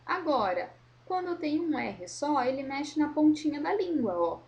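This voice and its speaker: A woman teacher correcting a worksheet for young pupils, slowly modelling words and explaining patiently. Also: high-pitched, sing-song, vocal fry, lo-fi sound. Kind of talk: correcting a school worksheet for children.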